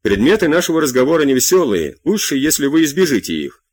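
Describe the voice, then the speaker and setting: A man's voice: on the high side, very animated, fast, slightly rough, no room sound, studio quality, voice pushed up. A man doing stubborn King Louis XVI. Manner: stubborn, mildly teasing.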